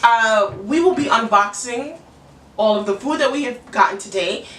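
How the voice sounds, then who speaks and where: A young woman co-hosts a casual food vlog, leading the chat in a laid-back way and swearing freely. Her voice sits a little high and comes from well off the mic. The echoey room and a loud wash of background noise fill the recording. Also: animated, moderate pace, far from the mic. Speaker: co-host of a vlog channel.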